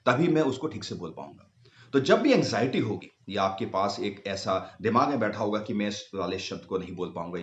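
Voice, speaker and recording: Guy teaching speech in hindi, voice goes up and down a lot, sounds out letters slow, kinda echoey dull room sound. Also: mid-range voice. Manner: patient, demonstrates sounds slowly one by one. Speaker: speech coach. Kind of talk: explaining speech exercises to viewers.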